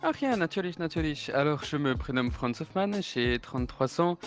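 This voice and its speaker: This man in his thirties voices a suave German real estate agent, 33, who loves a good party. His natural voice leans high and is expressive at a normal pace, with soft music behind him. Formal but unsure, he speaks with a German accent and scatters fillers and German interjections through his chatty, polite talk.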